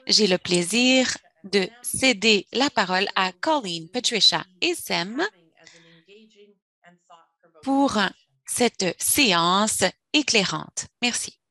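A woman working as a simultaneous interpreter, giving a formal, measured French rendering of a webinar presentation with uneven phrasing. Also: medium pitch, expressive, sharp tone.

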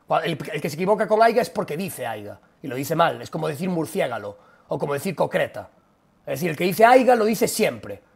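Gravelly fast-talking Spanish streamer man. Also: a little high. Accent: Spanish from Spain. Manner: blunt, profane, exasperated ranting. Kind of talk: casual live-stream chat ranting at viewers.

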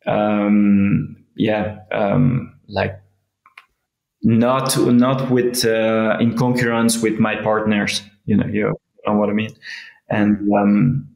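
A man talks slowly over a video call, pausing and restarting often. His voice is low and gravelly, with a flat pitch, and the room around him sounds echoey. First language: French. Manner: halting, many fillers and restarts. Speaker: guest, freeride skier. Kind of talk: casual interview.

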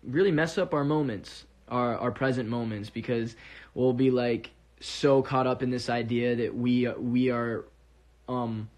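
Male musician, mid pitch, speaking earnestly and rambling straight to fans over a phone stream. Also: steady tone, measured pace, a little mellow. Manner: earnest, rambling with many restarts. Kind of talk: casual livestream monologue.

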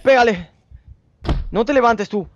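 A man streaming a survival game who yells at his character in panic, then drops into muttered play-by-play commentary. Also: very high-pitched, measured pace, slight background noise. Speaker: gaming streamer. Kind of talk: excitable let's-play commentary. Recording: slightly dull lo-fi sound.

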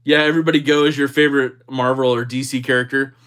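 A man with a medium-pitched voice hosts a casual livestream. He reads out and answers comments in a relaxed, conversational way, joking as he goes. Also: quick pace. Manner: jokey, easygoing. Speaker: livestream host.

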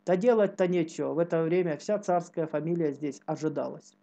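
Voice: mid-range voice, brisk, gravelly, mellow, natural voice. A reader voicing a meek old holy nun. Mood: sorrowful.

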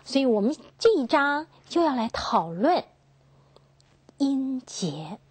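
Slow, husky-voiced woman teacher. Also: sits high, big pitch swings, darkish tone, dry recording. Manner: slow, drawn-out, repeats key terms, asks students questions. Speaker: English phonetics teacher. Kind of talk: classroom lecture.

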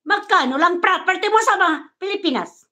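A woman's voice: very high-pitched, animated, fairly quick, pushed and bright. A woman from the Philippines vlogging in a confrontational rant, taunting and swearing, switching between languages. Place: living in the United States.

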